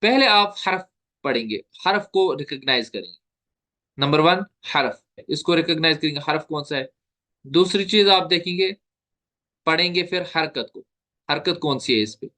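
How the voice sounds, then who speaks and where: A man teaching a recorded Tajweed lesson, patiently asking questions and answering them himself, and drawing out the example sounds slowly. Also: a little high, expressive, bright, forceful tone. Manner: patient, asks and answers his own questions. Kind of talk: recorded online lecture.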